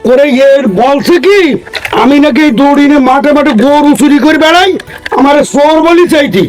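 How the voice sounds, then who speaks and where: Male actor as a grumpy, mishearing village cowherd, shrill and touchy. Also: normal speed, faint music behind. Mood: indignant. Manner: indignant, mishears everything.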